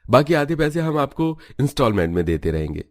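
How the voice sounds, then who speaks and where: A man's voice: mid-range voice, sing-song, a little fast. A man voicing a humble, earnest poor working man in a cartoon story. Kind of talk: cartoon voice acting.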